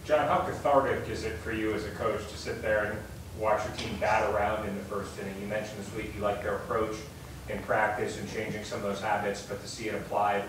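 A man's voice: fairly low pitch, flat delivery, brisk. A man reporter asking long, detailed questions at a press conference. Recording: echoey, far off the mic, noisy.

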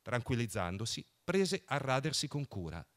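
A man reads a novel aloud at a book festival, measured and expressive. His pitch moves a lot across each sentence, and his tone is bright and forward. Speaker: reader. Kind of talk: literary reading aloud.

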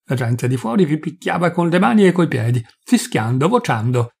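Husky man reading a classic novella. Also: on the high side, sing-song, a little mellow. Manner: measured dramatic storytelling. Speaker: audiobook narrator. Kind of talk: literary audiobook reading.

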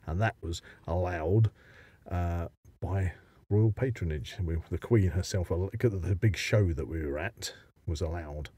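A man's voice: deep voice, measured pace, dark tone, breathy edge, dry recording. A man co-hosting a casual podcast, who banters, jokes and laughs often. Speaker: podcast co-host.

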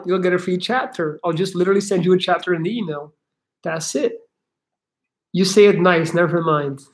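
An upbeat thirty-something man from Belgium, a coach, hosts an informal livestream in his living room, reading viewer comments aloud and chatting along. His voice sits high for a man, and a laptop webcam mic captures it.

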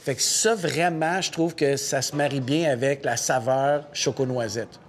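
A man's voice: medium pitch, measured pace, husky. A man, a coffee roaster of Italian descent talking casually about coffee. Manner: relaxed, chatty. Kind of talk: casual interview.

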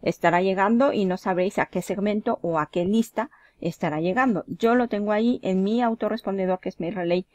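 A woman's voice: medium pitch, fairly quick, a little mellow, no room sound. A woman from Mexico teaching web marketing, talking casually through each click step by step in a screen-share tutorial.

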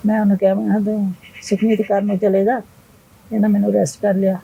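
A woman's voice: medium pitch, little pitch movement, fast talker, gravelly, husky, phone-quality sound. An older woman, telling her story plainly in an interview. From Punjab. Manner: plain storytelling, retelling others' words. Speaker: interview guest. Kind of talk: emotional interview.

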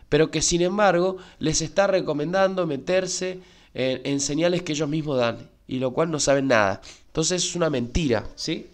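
Chatty Argentine man talking crypto. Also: a little high. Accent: Argentine Spanish. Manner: chatty, repeats filler "eh" and asks "¿sí?". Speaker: crypto YouTuber. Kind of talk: casual spoken market commentary.

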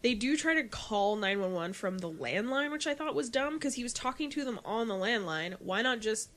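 A woman's voice: a little high, animated, moderate pace, a bit bright. A woman co-hosting a podcast in casual chat, swearing freely while she retells scenes. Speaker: podcast co-host.

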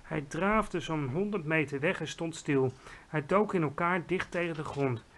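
Expressive storybook-reading man. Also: fairly high pitch, a little slow, slight background noise. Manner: lively, expressive narration. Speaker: narrator reading a children's book aloud. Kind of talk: storybook read-aloud.

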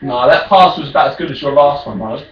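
High-pitched British raging gamer man, echoey room. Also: quick pace, lo-fi sound. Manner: raging gamer, shouting and taunting. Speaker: video game player. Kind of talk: trash-talking during an online football game. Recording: echoey room, distant mic, faint noise.

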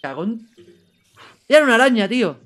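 A man from Spain narrates his gameplay in a high, very animated voice. He drops to low mutters and then bursts into shouts and curses. His commentary is excitable and unfiltered. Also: fairly quick. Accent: Spain Spanish. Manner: excitable, swings from muttering to yelled outbursts, swears freely. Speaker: gaming YouTuber. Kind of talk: let's-play gameplay commentary.

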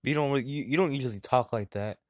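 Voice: mid-range voice, fast, dry recording, clean studio sound, close to an everyday voice. A performer voicing a dim-witted, laid-back male chef puppet in a plush comedy sketch, mumbling and trailing off hesitantly.

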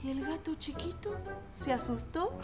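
A woman telling a children's story, playful and expressive, acting out sound effects. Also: high-pitched, moderate pace, over music.

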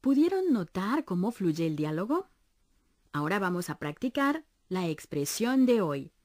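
A woman leads a radio language lesson with patient, encouraging explanations. Her voice moves up and down in a lively way. The studio recording is dry and close. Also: mid-range voice, measured pace, no room sound. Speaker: Japanese language instructor on a radio course. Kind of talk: scripted educational narration.

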